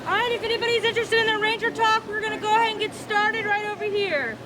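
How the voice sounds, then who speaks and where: A woman's voice: extremely high pitch, fast. A woman from the American South giving a guided talk as a park ranger, friendly and asking the crowd questions. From southern United States. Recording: clear boat engine and wave noise.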